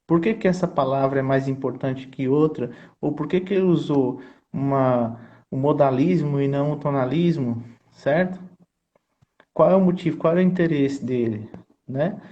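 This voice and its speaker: Earnest choir conductor, dull lo-fi audio. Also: male voice, mid-range voice, moderate pace, dark tone. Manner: earnest, teacherly, keeps checking in with the listener. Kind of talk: explanatory conversation.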